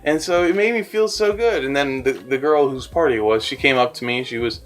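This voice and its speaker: Young man, storytime narration, self-deprecating, animated, faint background music. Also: mid-range voice, a little fast.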